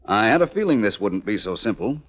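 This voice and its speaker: A man playing an urbane, dryly witty gentleman detective, in polished 1940s radio acting with a muffled AM radio sound. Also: on the low side, very animated, brisk, slightly rough. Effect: muffled old AM radio broadcast sound. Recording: dull lo-fi 1940s radio broadcast.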